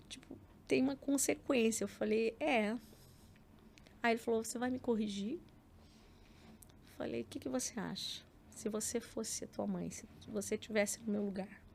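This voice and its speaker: This is a middle-aged Brazilian woman, accented in Brazilian Portuguese, guesting on a podcast and relating a personal story in easygoing interview conversation. Her fairly high, gravelly, dark-toned voice moves at a moderate pace; she dramatizes quotes and leans on filler words, with a little hiss or hum in the recording.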